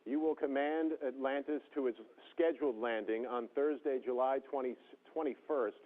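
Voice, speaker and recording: A man working as a TV news interviewer, asking formal, measured questions over a radio link to a space station. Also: mid-range voice. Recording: tinny phone-like radio link.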